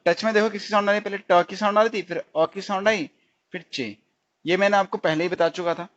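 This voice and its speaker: A man's voice: sits high, steady tone, fast talker, a bit bright. A male stenography teacher giving a recorded lesson, explaining step by step, repeating each sound and checking that students follow. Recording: dull lo-fi sound.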